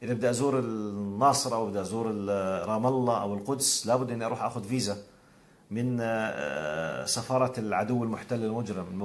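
A man with a Jordanian accent hosting a live call-in broadcast, greeting viewers one by one with blessings. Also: medium pitch. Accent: Jordanian Arabic. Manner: warm religious blessings, conversational. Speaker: call-in show host.

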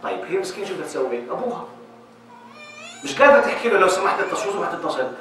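A man speaks to an audience at a fast clip, his high voice leaping up and down as he acts out small scenes. His tone is bright and forceful. He is picked up from a distance in a very echoey hall. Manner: animated, acts out little dialogues. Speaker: speaker giving a talk on marriage. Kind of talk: lively public talk to an audience. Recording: echoey hall, voice from far off, faint noise.

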